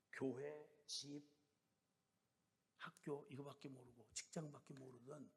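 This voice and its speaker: A man preaching a sermon as a missionary, telling a story and acting out the people in it, moving between shouting and whispering. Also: mid-range voice, gravelly, breathy edge, long reverb tail. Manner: storytelling, acting out scolding dialogue.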